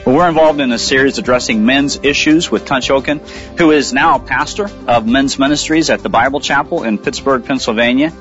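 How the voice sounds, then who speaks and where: A man's voice: medium pitch, a little fast, fairly bright tone. Earnest male radio ministry host. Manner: earnest, conversational, reads rap lyrics aloud. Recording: dull lo-fi studio sound with faint music.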